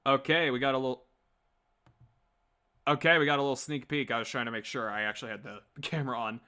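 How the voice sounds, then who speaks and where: A livestream host who also makes comic dubs rambles casually to his viewers, joking and swearing freely. His mid-range voice stays fairly even in intonation as he talks fast, with a sharp, clear, resonant tone.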